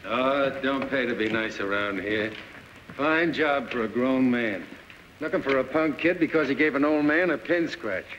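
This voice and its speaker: A man's voice: medium pitch, moderate pace, fairly bright tone, natural voice. An actor playing a world-weary, middle-aged beat policeman with a New York accent in 1930s film style. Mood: grumbling. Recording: muffled old film soundtrack, faint hiss.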